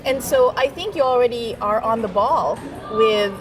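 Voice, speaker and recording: A woman's voice: a little high, normal speed, low-quality recording. A woman hosting an interview, asking questions and backing up the guest with frequent "mm-hmm". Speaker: interviewer host. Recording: music playing behind.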